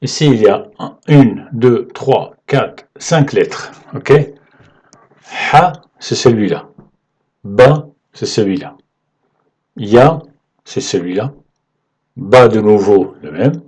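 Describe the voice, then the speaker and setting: A man teaching the alphabet in French, patient and halting, often checking in with "ok?" as he writes. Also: on the low side, animated, darkish tone, husky. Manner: slow, halting delivery with fillers. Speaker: Arabic teacher. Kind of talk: whiteboard lesson explaining letters.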